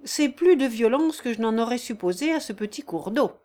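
A woman voicing a stern, sardonic middle-aged male mill owner who barks orders in a louder, raised voice. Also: fairly high pitch, animated, fairly quick, lightly acted. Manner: commanding, sharp, loud.

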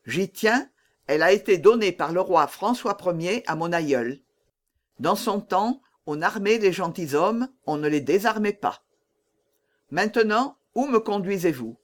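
A man voicing a proud, dignified count in a storybook reading, calm and courteous. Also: high-pitched, unhurried. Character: proud, dignified middle-aged nobleman, a count.

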